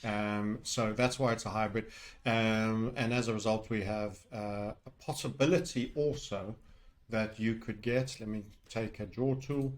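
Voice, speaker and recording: A trading educator with a fairly low, steady voice and a measured pace talks through technical analysis off the cuff. His unscripted chart commentary rambles, leans heavily on jargon and is sprinkled with colourful asides.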